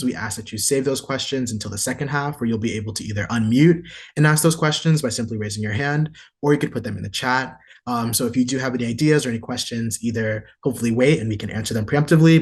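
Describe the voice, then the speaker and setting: A man hosts an online panel, his husky voice moving quickly through introductions and instructions. He keeps an organized, upbeat tone. The sound is that of a video call. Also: medium pitch. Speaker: webinar moderator.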